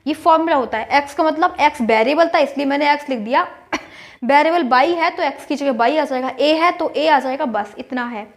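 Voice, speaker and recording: A woman's voice: high-pitched, fairly quick. A woman math teacher, patiently explaining a solution step by step and often checking that students follow.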